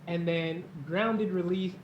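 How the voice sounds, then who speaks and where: Man, high voice, casual co-host chat, dull lo-fi sound, faint noise. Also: fairly even intonation, slow. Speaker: co-host, game streamer. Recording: muffled, roomy, faint background noise.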